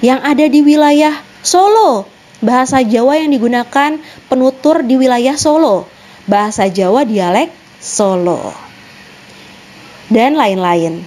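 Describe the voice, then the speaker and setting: Young female teacher, slightly high voice, methodical explainer for a recorded class. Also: animated, unhurried, long pauses, darkish tone. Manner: explanatory, with many examples and "nah" transitions. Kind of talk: online lesson explanation.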